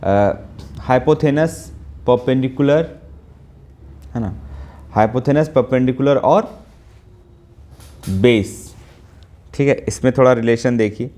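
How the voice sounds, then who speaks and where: A man with a mellow, mid-pitched voice teaches a math class, working through each step patiently. He keeps checking in with his students and mixes English math terms into his Hindi. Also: extremely slow, pauses often. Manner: explains step by step, often checking in with listeners. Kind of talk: Hindi math lesson with whiteboard.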